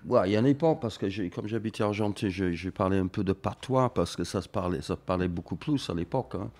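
English man, deep low voice, French with English accent, hesitant interview guest. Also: darkish tone. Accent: English, speaking French. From England. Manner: halting, many fillers and restarts. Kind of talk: radio interview.

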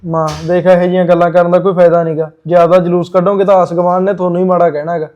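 A man as a fast-talking pleading young son. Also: high-pitched, level tone, a little mellow, highs cut off, close to an everyday voice. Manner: pleading, placating. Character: young married son, caught between mother and wife. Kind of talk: Punjabi short film drama.

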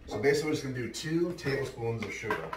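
A man hosting a home cooking show talks through a recipe in a chatty, offhand way while working in a big home kitchen. His medium-pitched voice is animated and racing, captured by a camera mic first at a distance and then close up, with roomy sound from afar and background noise.

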